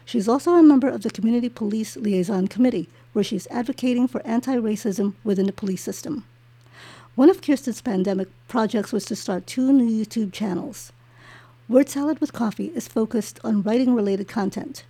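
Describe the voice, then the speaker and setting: A woman hosting an interview podcast, reading a scripted guest introduction and then asking questions in a soft, encouraging way. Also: on the high side, a little fast. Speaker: podcast host.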